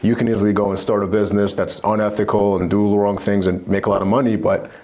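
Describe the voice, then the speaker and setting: A man's voice: fairly low pitch, little pitch movement, fast, darkish tone, a little hiss or hum. A man from Iraq, a guest entrepreneur on a podcast, talking conversationally and telling stories, often repeating words as he goes. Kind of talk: casual interview.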